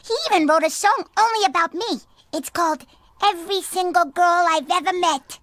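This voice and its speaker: A woman voicing a brash, excitable young female badger raised in the wild, in video game voice clips. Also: very high-pitched, normal speed, no echo, clean studio sound. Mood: chatty. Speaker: game character.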